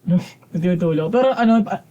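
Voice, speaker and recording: A man's voice: sits high, lively intonation, a little fast, mellow, muffled recording. A young Filipino man co-hosting a podcast, telling crude stories and swearing a lot in casual banter. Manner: crude, storytelling, swears often. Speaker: podcast co-host. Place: recording studio.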